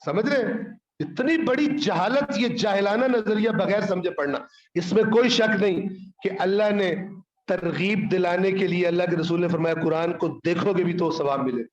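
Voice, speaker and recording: A man's voice: high-pitched, moderate pace, roomy sound, lo-fi sound. A man preaching a sermon on the Quran, scolding his listeners with rhetorical questions and quoting Arabic verses. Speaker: Islamic scholar preaching.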